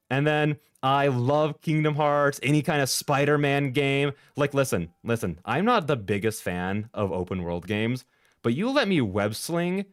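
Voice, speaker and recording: A man streamer chatting casually in a rambling, expressive way, with exaggerated exasperation. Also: medium pitch, a little slow, clear, resonant tone, dry recording. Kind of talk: casual livestream chat. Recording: music playing behind the voice. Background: background music.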